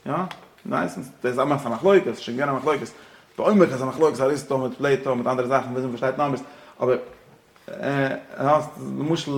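A man teaching a religious-philosophy lesson, talking rapidly and repeating himself, dropping English phrases into his explanations. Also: medium pitch, creaky, a little hiss or hum. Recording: echoey room.

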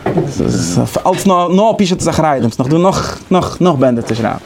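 A man's voice: fairly high pitch, expressive, normal speed, background noise. A man giving a lecture, explaining conversationally and thinking aloud as he goes. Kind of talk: lecture on interpretation methods.

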